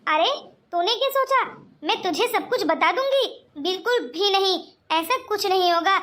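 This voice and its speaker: A woman's voice: very high voice, animated, moderate pace, a bit bright. A woman voicing a bitter, jealous older aunt in a cartoon story, taunting and scornful. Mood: defiant. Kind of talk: cartoon voice acting.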